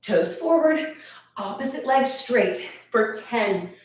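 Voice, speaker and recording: A woman leads a workout, out of breath as she counts reps and cheers people on. She talks slowly, in a slightly high voice. The sound is roomy and echoing, with her standing back from the microphone. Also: lively intonation. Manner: encouraging, counts reps aloud. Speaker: fitness instructor. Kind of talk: live workout instruction. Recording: echoey room, voice from a distance.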